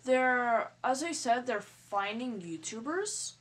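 A woman's voice: fairly high pitch, expressive, takes it slowly, a bit bright. A woman gaming YouTuber talking casually to her viewers while playing, hesitant and stuttering, often restarting her sentences. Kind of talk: casual vlog talk while playing a game.

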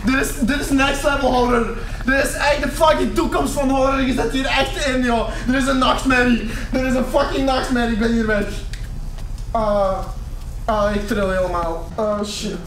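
High-voiced Flemish gamer, loud and swearing. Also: male voice, steady tone, normal speed, echoey room, distant mic, slight background noise. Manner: loud, swearing, jumpy reactions. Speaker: gaming YouTuber. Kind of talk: horror game let's-play commentary. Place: room at home, wearing a VR headset.

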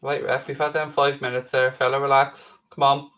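A man's voice: mid-range voice, little pitch movement, moderate pace, a bit bright, slight background noise. A middle-aged man with an Irish accent, chatting casually as co-host of a live football watch-along. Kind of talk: casual live match chat.

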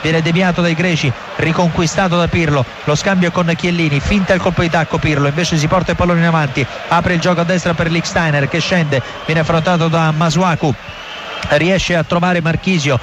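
An excitable man calls a football match live on radio in a high voice. His delivery is dramatic, and clear stadium noise surrounds him in the open press box. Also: fairly quick. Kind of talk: live football play-by-play commentary. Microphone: headset. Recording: loud stadium noise behind voice. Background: stadium crowd.

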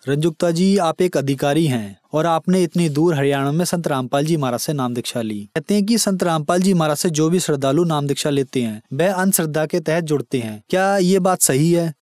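A man conducting a formal interview, asking measured questions and addressing his guest politely. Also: fairly high pitch, a little mellow, no echo, clean studio sound.

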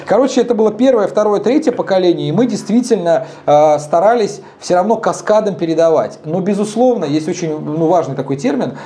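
A man's voice: high-pitched, fairly quick, few pauses, soft background music. A man in his thirties, a bar co-founder, talking frankly and animatedly as an interview guest in a dim bar. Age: 30s. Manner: animated, gesturing, frank and blunt. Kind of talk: casual interview talk.

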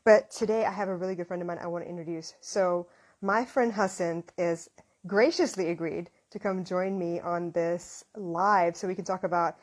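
A woman's voice: fairly low pitch, fairly even intonation, normal speed. A woman hosting a live video chat, talking casually and enthusiastically with lots of fillers, on an earphone mic in a small room. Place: indoors, small room, phone selfie. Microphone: wired earphone mic. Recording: slightly dull lo-fi live-stream audio.

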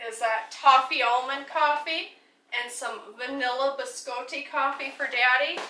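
A woman's voice: sits high, fairly even intonation, unhurried, pushed and bright. A woman in her thirties chatting casually about her groceries in a home vlog, often laughing as she explains each item. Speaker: vlogger, mother. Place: home dining room, indoors. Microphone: camera mic from across the table. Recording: roomy, distant camera mic with noise.

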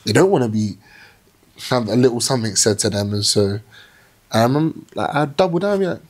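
A young man sits on a studio sofa and talks through his story in a relaxed, reflective way. His voice is mid-pitched, and he often restarts his sentences as he warms up. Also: moderate pace. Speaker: plus-size model, podcast guest. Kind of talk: casual interview chat. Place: small indoor studio with sofa.

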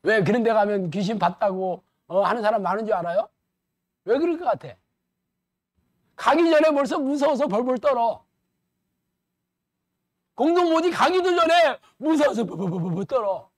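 A male pastor delivers a lively, colloquial sermon, peppered with rhetorical questions. His voice sits at a middle pitch. The recording is dry and close. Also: moderate pace, pauses often, no room sound. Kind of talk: sermon lecture.

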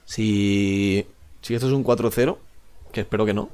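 A man with a Spain Spanish accent streams himself gaming live, rambling through his commentary, making jokes at his own expense and swearing freely. His voice sits fairly low with fairly even intonation, a normal speed, a darkish tone and a smooth quality.

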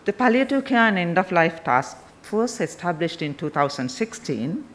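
A middle-aged woman with a Sri Lankan accent giving a formal prepared address in halting phrases through a face mask at a podium microphone. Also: fairly low pitch, big pitch swings. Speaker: medical association president giving a review.

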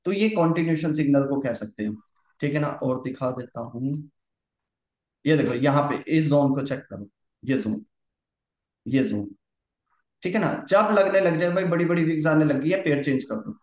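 A man's voice: fairly high pitch, lively intonation, brisk, reverberant. A man teaching trading charts in a casual lesson, repeating himself and often checking that his listener follows. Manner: repetitive, coaxing, keeps checking understanding.

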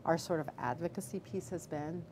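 A middle-aged woman obstetrician gynecologist answering questions in a live video Q&A, measured and full of fillers and restarts. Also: sits low. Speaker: obstetrician gynecologist, chief medical officer. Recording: background noise.

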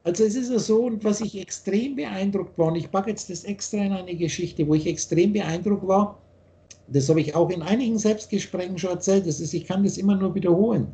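Over a video call, an older Austrian man lectures like a spiritual teacher, his high-pitched voice dark and mellow in tone. He talks fairly quickly, rambling and insistent, frequently breaking off and restarting sentences.

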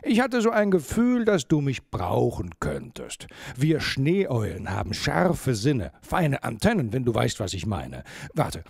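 A man voicing a gentle, courteous snow owl in a storybook reading, soft-spoken and coaxing. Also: medium pitch, huge pitch swings, unhurried, vocal fry, husky, dry recording, studio quality, heavily acted.

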